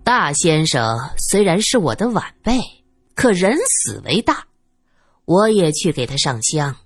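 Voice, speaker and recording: A woman voicing a sharp-tongued old great-aunt who speaks coldly, sneering and hinting at more than she says, in a dry audiobook recording. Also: lowish voice, big pitch swings, unhurried, slightly rough, no room sound, heavily acted. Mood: cool. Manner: cold, sneering, insinuating.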